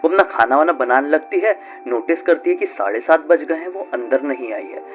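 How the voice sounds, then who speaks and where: पुरुष कथावाचक, बातचीत वाले अंदाज़ में डरावनी कहानी, थोड़ी ऊँची आवाज़, धीमी संगीत के साथ धुंधली recording. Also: male voice, on the high side, expressive, a little fast, dull audio, music in the background. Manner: chatty, conversational, with frequent fillers. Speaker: horror storyteller. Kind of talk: casual spoken storytelling.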